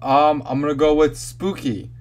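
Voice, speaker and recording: A man's voice: a little high, little pitch movement, normal speed. A man hosting a casual horror podcast, introducing the films and laughing easily. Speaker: podcast host.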